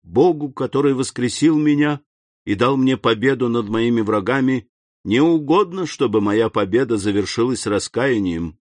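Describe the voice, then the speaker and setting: A man reading aloud and voicing a grave, restrained nobleman who speaks low and solemnly. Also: normal speed, a little mellow, dry recording, natural voice. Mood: tender, grave.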